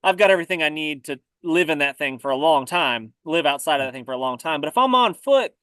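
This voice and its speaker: A man talking casually about survival gear, relaxed and often repeating words as he thinks. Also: on the high side, fast, clear, resonant tone, no room sound. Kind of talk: casual conversation.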